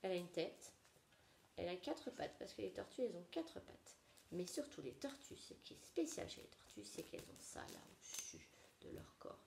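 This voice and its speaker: A woman teaching young children a nursery rhyme, gentle and sing-song, dropping at times into soft whispers. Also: lowish voice, sing-song, normal speed, vocal fry. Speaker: preschool teacher. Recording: echoey room with faint noise.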